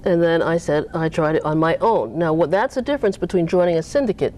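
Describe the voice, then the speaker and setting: A woman author being interviewed, talking casually with animated pitch that jumps up when she makes a point. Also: quick pace, a little hiss or hum. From Cape Cod, US.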